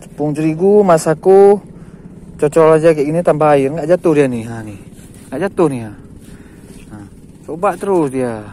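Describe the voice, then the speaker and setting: A man with a slightly high voice narrates his fishing session outdoors. He calls out and repeats short words each time a fish bites. A light hiss of outdoor ambience and passing vehicles sits under his voice. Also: normal speed, pauses often, darkish tone. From Aceh, Indonesia. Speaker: fishing vlogger. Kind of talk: excited live fishing commentary. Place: outdoors by the water.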